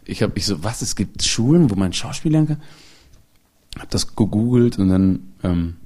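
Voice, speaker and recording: Male comedian, lower register, casual storyteller who voices the people he quotes. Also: moderate pace. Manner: animated, acts out quoted people; laughs often while telling.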